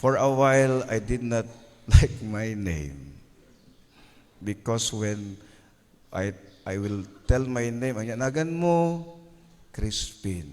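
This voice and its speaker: A man's voice: lowish voice, slow pace, long pauses, a little mellow. A man with a Filipino accent, a parish priest preaching a Mass homily who keeps asking the congregation "Amen?" and mixes Ilocano with English. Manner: preaches to a congregation, often asks "Amen?" for a reply; mixes Ilocano with English, tells stories from his own ministry. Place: large church. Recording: long church reverb.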